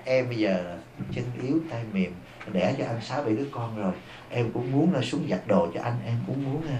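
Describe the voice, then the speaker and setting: A man voicing a wife who sweetly coaxes her husband into doing chores, speaking softly and wheedling. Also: mid-range voice, lively intonation, fairly quick, a little hiss or hum, pitched below the performer's own voice, natural voice. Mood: coaxing. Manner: soft, wheedling, coaxing. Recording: echoey hall.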